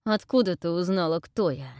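A woman's voice: on the low side, lively intonation, normal speed, a little mellow, no echo, studio quality, natural voice. A woman voicing a rude, brutish male king who growls threats and scorn, in an audiobook reading. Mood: growling.

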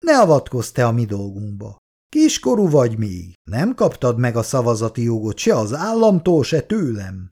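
A man's voice: medium pitch, wildly swooping pitch, mellow. A man voicing a tart, scolding older wife and mother.

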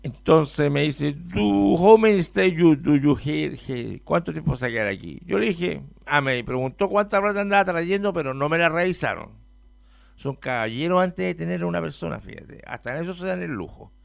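A man with a Chilean accent rambles through a personal story, his gravelly voice leaping from loud bursts to muttered asides. The sound is dry and close, with lively rises and falls in pitch. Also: normal speed, dry recording. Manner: animated, swings from loud to mumbled asides. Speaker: patient telling his story on a radio show.

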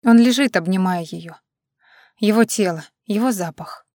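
A woman's voice: medium pitch, moderate pace, darkish tone, dry recording, clean studio sound. Woman reading a dramatic romance. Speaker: audiobook narrator. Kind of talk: scripted narration.

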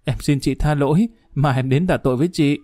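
A man voicing a jealous, hot-tempered wife, a schoolteacher, who is sharp-tongued and quick to flatter. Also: mid-range voice, no echo, studio quality, natural voice. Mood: fawning. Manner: sharp-tongued, then fawning.

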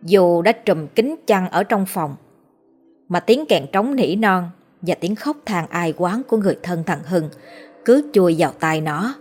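A woman reading a horror story aloud in a measured, somber narration. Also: fairly low pitch, animated, a little mellow, soft background music.

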